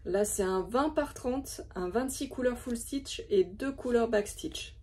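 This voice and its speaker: A woman's voice: a little high, a little slow, a little mellow, breathy edge. A woman vlogger chatting casually and hesitantly as she shows her craft supplies, with many fillers. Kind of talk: casual show-and-tell of craft stock.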